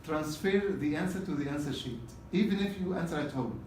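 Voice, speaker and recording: A man's voice: a little high, a little fast, darkish tone, a little hiss or hum. A man teaching a test-prep class in a casual lecture style, often checking in with "okay?" and repeating key points. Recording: roomy classroom from a distance.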